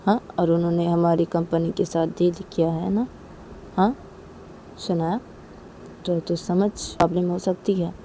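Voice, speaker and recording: A patient elder sister who coaxes her weeping sibling with the same soft phrases over and over, as a woman puts her on. The voice sits low and mellow in a storybook telling, with a faint hum of traffic behind. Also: little pitch movement, unhurried, pauses often. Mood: soothing. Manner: soothing, coaxing, repeats herself. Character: gentle elder sister consoling younger sister.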